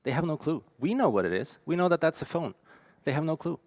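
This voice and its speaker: A man's voice: a little high, fast talker, dry recording. Norwegian-accented man giving an emphatic keynote. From Norway. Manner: lively, emphatic, with frequent fillers. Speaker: keynote speaker. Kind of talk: conference keynote talk. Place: conference stage.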